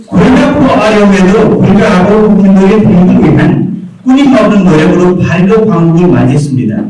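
A man from Nepal with a Nepali accent delivers a rehearsed public speech in an earnest, emphatic way, as a contestant. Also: high voice. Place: indoor event hall. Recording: echoey hall, distant mic, noisy with clicks.

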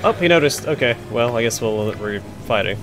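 A man's voice: mid-range voice, animated, a little fast. A man hosting a let's play, talking casually through his game as he goes. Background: game music.

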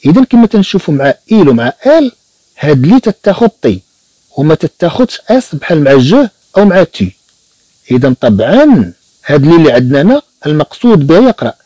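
A Moroccan man teaching beginner French, slowly repeating each phrase and explaining it in Moroccan Arabic. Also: a little high, big pitch swings, warm tone, no room sound. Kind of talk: slow classroom explanation with repetition.

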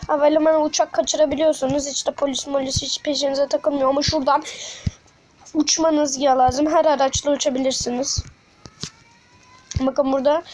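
A woman talking through a mobile game in casual commentary, chatty and excitable, addressing viewers as friends with frequent exclamations. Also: sits high, slight background noise. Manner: speaks directly to viewers as friends. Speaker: gaming channel host.

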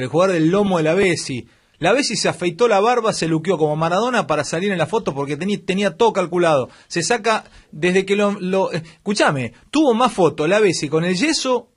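A man's voice: sits high, husky. A worn-out man with an Argentine accent, hosting a radio show, ranting bluntly and fierily in a heated football debate. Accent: Argentine Spanish. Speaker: radio host.

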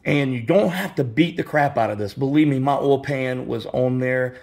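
Recorded in his home garage, a man walks through a car repair step by step in a casual, rambling how-to, full of restarts and "you know" fillers. His mid-range voice is creaky and darkish, at a moderate pace.

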